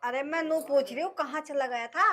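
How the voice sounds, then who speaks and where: A woman's voice: high voice, a little fast, over loud music, close to an everyday voice. An actress playing a nagging village mother-in-law with a Haryanvi accent, scolding her son.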